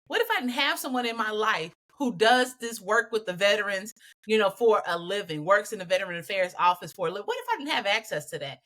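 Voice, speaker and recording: A woman with a bright, sharp voice rants on a casual podcast. Her middle-pitched delivery is animated and exasperated, and she piles up complaints in quick bursts. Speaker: podcast co-host.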